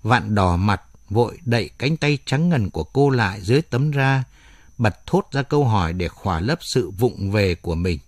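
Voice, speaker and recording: Male narrator, audiobook story, dramatic, animated pitch, dry close mic. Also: moderate pace, no echo.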